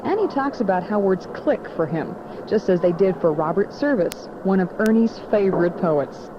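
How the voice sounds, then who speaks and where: A woman's voice: mid-range voice, expressive, moderate pace. Female documentary narrator, mid-range voice, scripted read, lo-fi and noisy. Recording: dull lo-fi, clear background noise.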